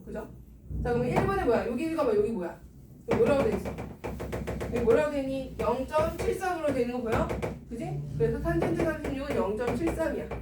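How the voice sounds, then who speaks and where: A woman math teacher in a classroom, talking students through problems and coaxing them with constant questions. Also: high voice. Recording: echoey room, picked up from a distance with background noise.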